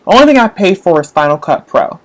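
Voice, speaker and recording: A man's voice: high voice, sing-song, fast talker. A young man hosting a casual live stream, chatting with viewers while getting frustrated with his tablet and phone. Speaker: livestream host.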